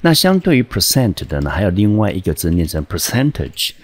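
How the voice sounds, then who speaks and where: A man teaching a high school English exam lesson, patiently explaining vocabulary and repeating key points for students. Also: sing-song, a little fast.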